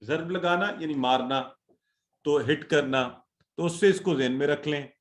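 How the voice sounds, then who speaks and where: A man's voice: on the high side, measured pace, roomy sound. A male teacher leading an online class, patiently drilling word forms and calling on students one by one. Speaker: Quran Arabic teacher.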